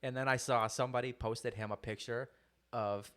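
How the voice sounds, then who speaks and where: A man's voice: mid-range voice, fairly even intonation, normal speed, fairly bright tone, clean tone. A young man co-hosting a podcast, chatting casually, rambling and laughing often. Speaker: podcast co-host. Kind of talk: casual chat.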